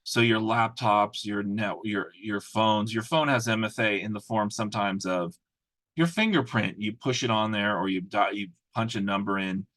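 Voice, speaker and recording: Low-voiced man giving corporate compliance training. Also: moderate pace, fairly bright tone, no room sound. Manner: explanatory, instructing in the second person with practical examples. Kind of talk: informal corporate training video explanation.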